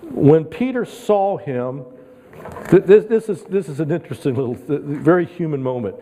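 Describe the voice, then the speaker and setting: A man's voice: on the high side, normal speed, slight background noise. Chatty male guest preacher in a church hall. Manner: conversational, chuckling, animated when quoting Peter. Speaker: guest pastor. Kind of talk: sermon. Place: church sanctuary. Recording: long reverb in a church hall.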